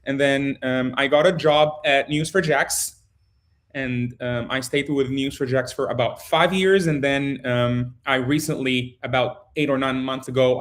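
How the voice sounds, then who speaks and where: Guy in his 30s from egypt, video call interview, lots of ums and restarts, middle pitch. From born in Jordan, grew up in Egypt. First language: Arabic. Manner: halting, many ums and restarts. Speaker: guest, photojournalist.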